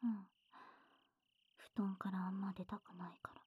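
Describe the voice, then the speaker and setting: A woman playing a lazy, indulgent older sister in a whispered role-play, speaking drowsy, intimate pillow talk in a breathy, languid, casual way. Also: medium pitch, level tone, moderate pace, dull audio. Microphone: close microphone, dry sound.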